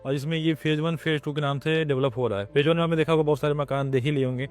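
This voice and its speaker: A man representing a property project, giving a rambling, repetitive sales pitch outdoors. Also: steady tone, quick pace, faint music behind. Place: outdoors at a plot site.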